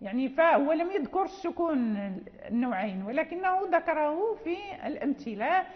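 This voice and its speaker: High-voiced woman teaching in a reverberant hall. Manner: explanatory, many fillers, slows to recite quoted verses. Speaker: teacher of Quran readings and tajweed. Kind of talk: lecture. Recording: dull lo-fi audio with long reverb.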